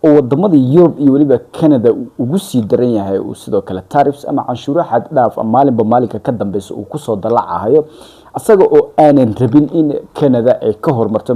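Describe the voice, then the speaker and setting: A Somali man gives news commentary in a very dark, mellow voice. He talks quickly and wordily, circling back to rephrase his points. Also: medium pitch.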